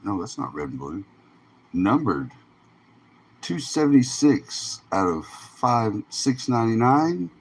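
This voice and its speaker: A man's voice: mid-range voice, sing-song, slow pace. Man calling out cards, noisy background. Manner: terse, list-like calling. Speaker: host of a sports card box break. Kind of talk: live card-breaking commentary, calling out names in short clipped bursts.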